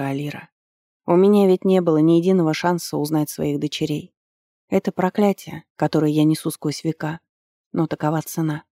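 Brief: tender ancient goddess mother, a woman reading, soft and hushed, mellow voice. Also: low-pitched, dry recording, clean studio sound.

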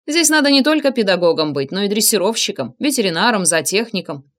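Woman narrator voicing a blunt, short-tempered ex-paratrooper, audiobook; animated delivery. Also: medium pitch, fast, close to an everyday voice. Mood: grumbling. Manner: barking commands, blunt. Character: impatient ex-paratrooper man, gruff, quick to shout.

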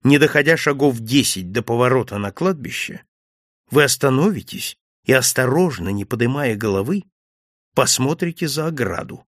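Man reading calm lecturing Italian detective, commanding, husky, dry close sound, audiobook. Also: medium pitch, normal speed, no room sound, lightly acted. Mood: instructive.

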